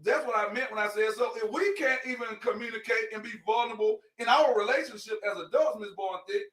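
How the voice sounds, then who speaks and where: A man hosting a podcast in casual, energetic talk-show chat, laughing often. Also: high-pitched, fairly quick. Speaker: podcast host. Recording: roomy sound, far from the mic.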